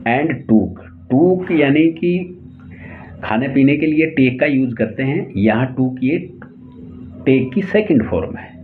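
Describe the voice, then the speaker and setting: A man with an Indian accent teaches English tenses, stretching out each example sentence word by word at a very slow pace. His voice comes through a thin, phone-like channel. A faint hiss runs under the recording. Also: mid-range voice, lively intonation. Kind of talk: explaining English tenses in Hindi.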